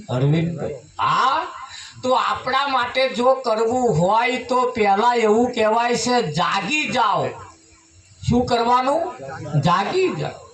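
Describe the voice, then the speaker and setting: A man preaching at a village devotional gathering, questioning the crowd and prompting their replies. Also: very high voice. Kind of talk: village sermon with sung verses. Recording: echoey, distant mic, loud crowd.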